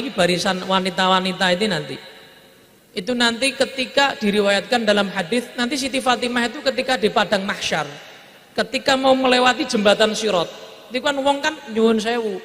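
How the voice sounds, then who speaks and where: A man with a Javanese accent preaches a story-driven sermon, slipping into Javanese as he acts out the voices in the tale. His voice sits high and carries a gravelly edge. It rings with a long reverb, as if it fills a large hall. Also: a bit bright.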